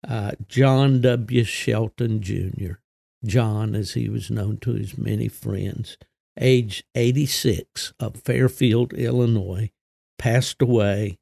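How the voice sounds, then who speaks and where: Older man, deep gravelly voice, podcast host, folksy and conversational, close dry sound. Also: fairly even intonation, slow, warm tone, no echo. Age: 60s or older. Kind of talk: relaxed, folksy solo podcast monologue.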